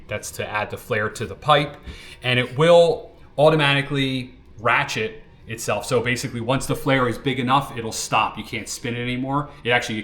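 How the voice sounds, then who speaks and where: A man's voice: fairly low pitch, fairly bright tone. A man casually demonstrating a hand tool for his DIY channel, checking in with the viewer as he goes. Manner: chatty, checks in with "right?" and "okay?".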